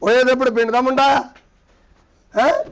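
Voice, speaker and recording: An actor playing a bossy village headman in a comedy sketch, blustering and shouting orders. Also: very high-pitched, fairly even intonation, normal speed, gravelly.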